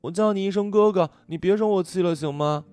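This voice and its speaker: A bold, teasing village girl from a storybook, her voice pitched up high with lots of lively swoops. She talks sassy and spirited, voiced by a man reading the story. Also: fairly quick, no room sound, faint music behind. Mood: coaxing. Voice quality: high, bright put-on girl's voice.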